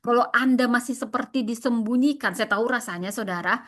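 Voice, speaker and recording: Woman pastor, sermon delivery; bright, forceful tone, slightly high, emphatic and animated. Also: fairly quick. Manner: animated, emphatic preaching that acts out quoted voices; addresses the congregation often as "saudara".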